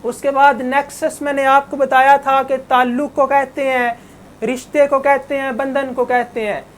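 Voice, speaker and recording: A woman's voice: sits high, level tone, normal speed. A woman giving an online English lesson, patiently explaining words and correcting pronunciation. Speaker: English teacher. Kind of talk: online classroom lecture.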